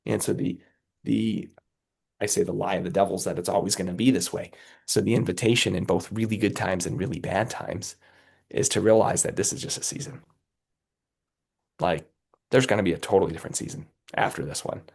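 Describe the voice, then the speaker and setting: Raspy, low-voiced man with a cold. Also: a little fast, a little mellow. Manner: earnest, repeats "right?" to check in. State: has a cold, under the weather. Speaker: guest, company executive. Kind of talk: motivational interview talk.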